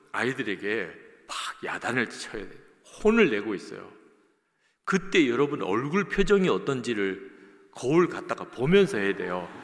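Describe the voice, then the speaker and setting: Lively, bright-voiced pastor preaching in a hall. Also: male voice, mid-range voice. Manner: storytelling, acting out quotes, addressing the congregation. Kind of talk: sermon. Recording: long church-hall reverb.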